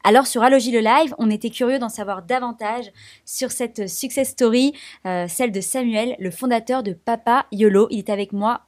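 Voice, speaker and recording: A woman's voice: on the high side, moderate pace, darkish tone. Upbeat woman hosting a studio interview. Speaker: host.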